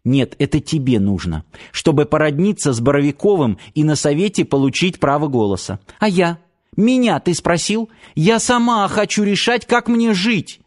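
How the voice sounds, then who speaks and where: A man's voice: mid-range voice, lively intonation, a little fast, hardly any pauses, a little mellow, natural voice. A man reading an audiobook, voicing a defiant, fiery teenage girl with a raised, pouty voice. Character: stubborn fiery teenage girl, red-haired.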